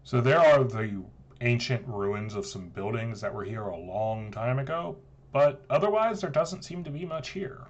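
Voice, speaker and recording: Lively male game master narrating. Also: mid-range voice, moderate pace, highs cut off. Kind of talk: narrating a tabletop game over voice chat.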